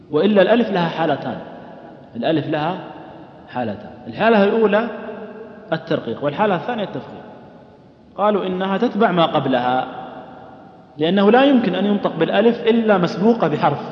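A man teaching a lesson on recitation rules, often questioning his listeners and chanting short examples. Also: high-pitched. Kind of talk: explaining a lesson to a class. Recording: echoey hall, dull lo-fi sound.

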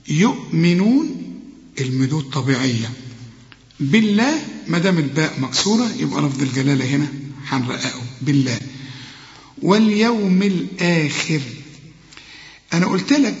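A man with an Egyptian accent teaching Quran recitation rules, switching between slow chanted verses and quick spoken explanations, putting questions to his student. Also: medium pitch. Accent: Egyptian Arabic. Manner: addresses the student directly with questions. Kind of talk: tajweed lesson with recitation and explanation. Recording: echoey dull lo-fi tape recording.

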